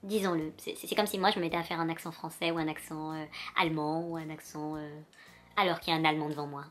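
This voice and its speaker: A young woman vlogging straight to the viewer in a sassy, animated rant, with faint music behind her. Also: low-pitched, fast talker. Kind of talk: casual direct-to-camera rant.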